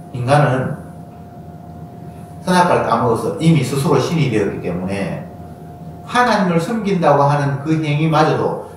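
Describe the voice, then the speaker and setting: A man preaching a sermon as pastor, animated and acting out quoted voices with sudden high bursts. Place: church sanctuary. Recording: echoey church hall from far off, faint noise.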